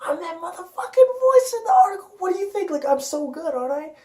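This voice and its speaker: A man voicing a boastful, excited young man who eagerly shows off and fishes for praise. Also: very high-pitched, fast, pitched above the performer's own voice. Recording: roomy echo.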